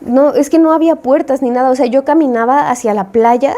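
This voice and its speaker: A woman's voice: high-pitched, a little fast, warm tone. A young woman with a Mexican Spanish accent telling a story in a chatty, slangy way and acting out her own reactions. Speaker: indie game developer and vlogger. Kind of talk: casual storytelling.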